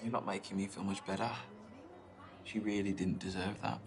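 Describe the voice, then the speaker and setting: A man's voice: low voice, little pitch movement, normal speed, over music. A young British man acting an awkward, earnest date in a video game, hesitant and full of ums. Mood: nervous.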